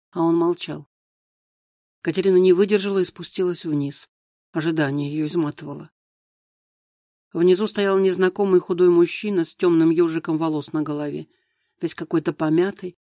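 Male audiobook narrator, measured even reading, fairly high voice, dry close recording. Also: no echo. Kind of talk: scripted narration.

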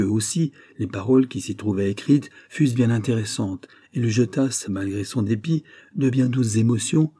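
Male narrator, classic literature audiobook, measured, expressive, warm dark timbre, slightly husky. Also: medium pitch.

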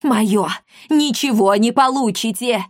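A woman voicing a greedy old man, a miser who squeals and shouts over his treasure. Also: on the high side, moderate pace, no room sound, studio quality, close to an everyday voice. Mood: greedy, frantic.

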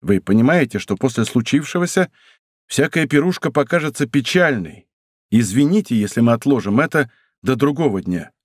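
An impetuous young guardsman , as a male reader voices him, speaks with earnest urgency in a lively voice. His pitch swings freely, and the recording is close and dry. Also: normal speed, no echo, close to an everyday voice. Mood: earnest urgent.

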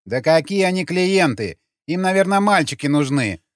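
A man's voice: on the high side, a little slow, smooth, no echo, studio quality, voice pushed up, lightly acted. Casting: man voicing a coarse, sulky young street woman. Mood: rude. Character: rude worn-out young prostitute woman.

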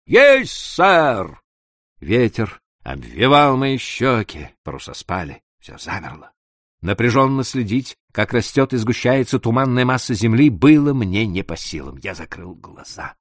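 A man reading a tense sea story aloud as narrator, measured and dropping to a hush at tense moments. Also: lowish voice, lively intonation, dry recording, studio quality. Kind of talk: dramatic audiobook narration.

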